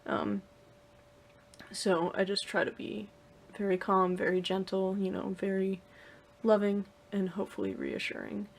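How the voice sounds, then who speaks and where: A woman's voice: medium pitch, flat delivery, unhurried, vocal fry. A young woman talking casually to the camera in her room at home, rambling with lots of fillers and restarts. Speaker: vlogger. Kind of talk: casual vlog talk to camera.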